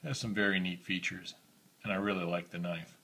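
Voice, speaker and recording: Low, bright-toned man reviewing a knife. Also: brisk, creaky, slightly rough. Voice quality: monotone, self-described. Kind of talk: casual product review vlog. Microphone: phone camera.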